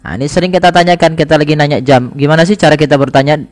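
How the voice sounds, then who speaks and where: A man giving a casual spoken language lesson, saying phrases slowly and clearly, then explaining them in an easy, chatty way. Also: a little high, steady tone, big-room sound. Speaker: Arabic teacher.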